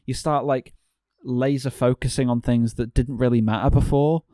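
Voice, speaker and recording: A man's voice: mid-range voice, fairly even intonation, normal speed, warm tone, dry recording, clean studio sound. A man, a podcast guest, talking in casual chat with many restarts and fillers.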